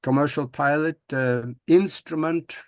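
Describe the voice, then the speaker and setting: An older man from Norway, talking in a folksy, cheerful way as an interview guest. His voice sits a little high for a man. The sound is close and dry, with no room around it. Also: fairly even intonation, unhurried, no echo. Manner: folksy and upbeat, restarts with many "uh"s. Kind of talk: casual interview.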